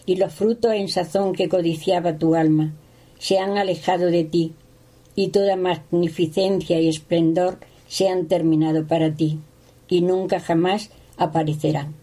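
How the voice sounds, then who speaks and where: A woman reading a Bible passage aloud at a steady pace, sometimes stumbling on a word. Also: fairly low pitch, a little slow, low-quality recording. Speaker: scripture reader.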